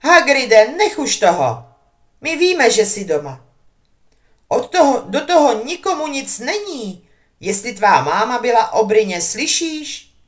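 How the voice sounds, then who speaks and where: A woman voicing a fierce, indignant teenage witch girl who talks loud and heated. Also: a little high, voice pushed up.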